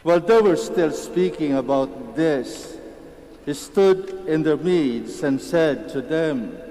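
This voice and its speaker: A man proclaiming the Gospel as clergy, solemn and deliberate, in a large church with cathedral echo. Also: on the high side, expressive, mellow. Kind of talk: liturgical Gospel reading. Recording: cathedral echo, long reverberation.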